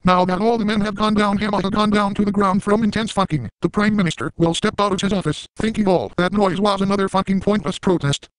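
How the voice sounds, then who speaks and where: A crude, unhinged middle-aged cartoon dad, voiced by a man rambles through a comedic parody monologue. His voice sits high for a man and keeps breaking into repeated silly sound effects. The recording is dry and close. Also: fairly even intonation, fairly quick, few pauses, clean tone, dry recording, natural voice, low-quality recording. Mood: manic boasting.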